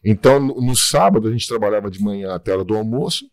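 A man's voice: fairly low pitch, expressive, rapid-fire, no room sound. A man in his sixties with a Brazilian accent, hosting a casual podcast chat and teasing his guests with slang. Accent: Brazilian Portuguese. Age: 60s. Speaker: podcast host.

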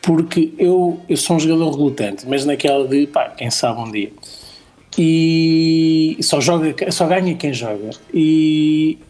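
A man's voice: fairly high pitch, slow pace, mellow. A man with a European Portuguese accent chatting casually as a co-host, telling anecdotes in a rambling, self-deprecating way. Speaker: talk show co-host.

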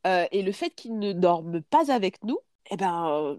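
A woman's voice: lowish voice, lively intonation, measured pace, a little mellow, no room sound, clean studio sound. Hesitant woman thinking aloud. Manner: hesitant, many fillers and restarts while thinking aloud. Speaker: podcast host parent. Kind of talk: casual podcast chat.

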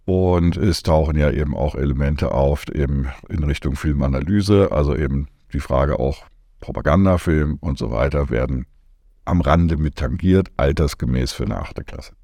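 A man's voice: extremely low pitch, moderate pace, dark tone, no room sound, clean studio sound. A middle-aged man, a media education consultant, explaining his teaching in a podcast interview, thoughtful with many fillers. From Germany.

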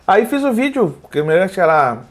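Animated man telling stories. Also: sits high, fast. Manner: animated, acts out quoted dialogue. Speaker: guest, comedy video creator. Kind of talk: casual storytelling chat.

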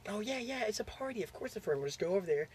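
A man's voice: racing, slight background noise. A man putting on the voice of a panicky teenage boy while retelling a film's story in casual chat. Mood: eager. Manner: excited, pitched-up quoting.

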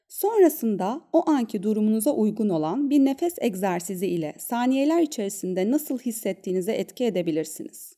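A woman hosting a breathing podcast as a therapist, speaking in a calm, measured, instructional way, as scripted narration and guided exercise. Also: on the high side.

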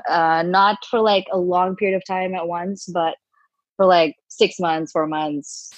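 A woman's voice: on the low side, steady tone, measured pace, no room sound. Chatty woman from Bangladesh, dry sound. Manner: chatty, self-deprecating, many fillers. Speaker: guest, actor and artist. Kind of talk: casual interview chat.

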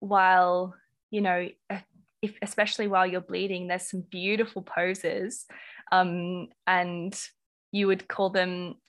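A woman's voice: fairly low pitch, flat delivery, measured pace, a bit bright. Effusive Australian woman hosting a podcast. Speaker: podcast host. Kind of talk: podcast interview.

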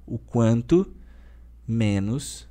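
In a casual podcast conversation, a personal trainer in his thirties with a southern Brazilian Gaúcho accent drags out his words in a mid-range voice. He is colloquial, animated and emphatic, constantly repeating "velho."

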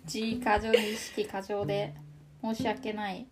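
A young woman in her twenties co-hosting a casual chat, playful and giggly, trailing off softly. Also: medium pitch, completely flat delivery, a little slow, very noisy. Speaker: podcast co-host.

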